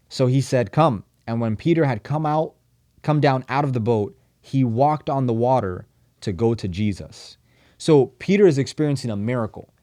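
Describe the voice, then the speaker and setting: A man's voice: medium pitch, mellow. Conversational man preaching a sermon. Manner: conversational preaching, acts out quoted voices, rises and drops in volume. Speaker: pastor.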